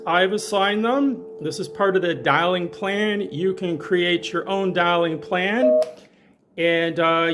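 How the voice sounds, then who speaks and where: In a hands-on technical demonstration, a tutorial presenter talks viewers through gear with informal enthusiasm. He's a man whose fairly bright voice sits a little above average pitch.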